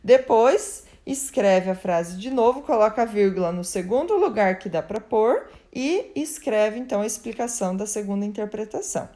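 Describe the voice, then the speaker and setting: A woman's voice: medium pitch, animated, dark tone. A woman teacher, patiently explaining a class lesson and checking in with her students after each point. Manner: patient explaining, often ends with "né?" and "tá?"; reads example sentences slowly and deliberately.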